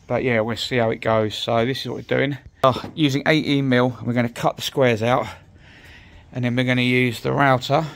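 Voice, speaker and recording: A man's voice: medium pitch, slight background noise. A man, talking through a joinery job step by step in a casual how-to, recorded on a handheld phone indoors. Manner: plain-spoken, talks while working, swears now and then. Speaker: joiner showing a build. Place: indoors on a job site with stairs.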